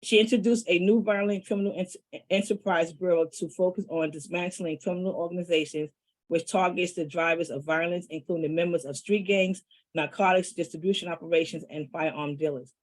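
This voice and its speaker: A woman's voice: lowish voice, steady tone, a little fast, rough recording. A woman hosting an online meeting reads a prepared introduction of the guest speaker, with a few "um" fillers at the start. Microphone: video call.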